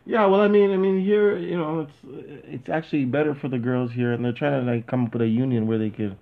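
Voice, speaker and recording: With a creaky, medium-pitched voice and a fairly quick pace, this male co-host chats casually on a talk show. He's rambling and argumentative, often tossing in "you know what I mean." The recording has a tinny, phone-like quality.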